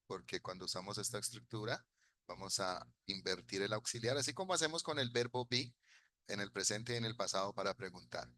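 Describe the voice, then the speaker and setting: A man's voice: fairly low pitch, sharp tone, dry recording. A man teaching an English class in Spanish, patiently explaining grammar and repeating phrases for his students. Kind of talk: bilingual classroom lesson.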